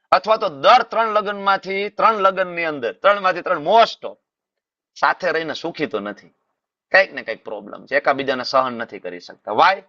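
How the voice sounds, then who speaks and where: Animated Gujarati preacher, bright voice. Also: male voice, on the high side, dry recording, highs cut off. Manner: animated, rhetorical questions, repeated phrases. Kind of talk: Gujarati scripture class sermon.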